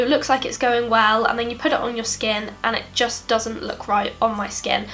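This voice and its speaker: Her voice is fairly high, bright and forceful, though a cold leaves this young British woman sounding stuffy as she reviews a product. As a beauty vlogger she keeps it casual and chatty with fillers, yet subdued and apologetic.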